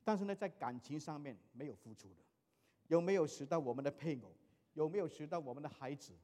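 Middle-aged man, pastor, lively storytelling sermon, fairly high voice, long hall echo. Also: quick pace. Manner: animated storytelling, mixing in English phrases.

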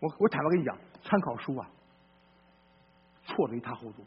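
A man's voice: animated, a little fast, breathy edge. Emphatic male pastor preaching, lo-fi hum. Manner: emphatic, swings from loud outbursts to low murmurs; folksy, blunt preaching with repeated rhetorical questions. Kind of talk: sermon.

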